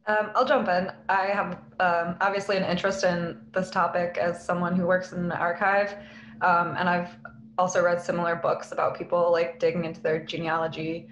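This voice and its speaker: A woman's voice: lowish voice, level tone, normal speed, dull audio. A woman who works in an archive, chatting casually on a video call. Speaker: archives staff member. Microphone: webcam on video call. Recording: roomy call audio with faint hiss.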